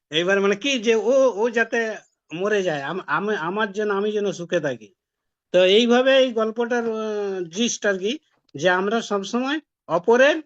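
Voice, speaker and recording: High-voiced man preaching through a story. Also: a bit bright. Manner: conversational storytelling. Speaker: devotee preacher. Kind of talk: devotional talk with a personal story. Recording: dull lo-fi recording.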